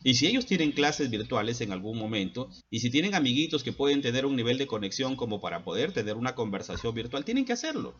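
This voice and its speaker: A middle-aged man speaks earnestly to parents in a school psychologist's lecturing tone, stopping often on hesitant fillers. His voice sits at an ordinary middle pitch. The sound is dull and muffled, like lo-fi audio from a laptop. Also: animated, fast talker, hardly any pauses, fairly bright tone, breathy edge. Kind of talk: advice talk to parents.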